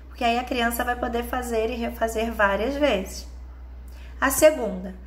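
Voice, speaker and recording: A woman with a Brazilian Portuguese accent teaching an online lesson, explaining step by step and drawing out example words slowly. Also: a little high, fairly bright tone. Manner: patient, explains step by step with many "né?" and "tá?". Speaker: teacher of a course.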